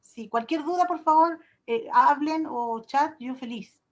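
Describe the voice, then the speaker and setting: A woman's voice: sits high, measured pace, highs cut off. A woman professor giving an online workshop lecture in a chatty way, explaining with homely comparisons and little diminutives. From Chile. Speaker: university professor.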